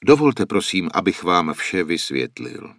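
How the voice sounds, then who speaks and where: A grave, worried old painter who explains the danger in solemn tones, as a male narrator plays him. His low voice moves over a lively range, recorded dry and close. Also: no room sound, full character voice. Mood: earnest.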